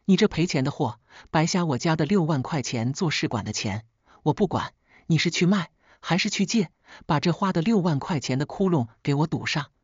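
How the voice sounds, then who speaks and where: A woman's voice: sits low, animated, fairly quick, husky, no room sound, muffled recording. A woman voicing a domineering old mother-in-law in a told family story, harsh and bossy. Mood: furious.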